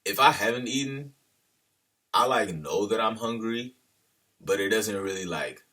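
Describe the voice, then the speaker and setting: A man's voice: on the low side, expressive, a little slow, sharp tone, far from the mic. A man talking casually to the camera in a loose, slangy monologue that drifts off on tangents. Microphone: camera held at a distance.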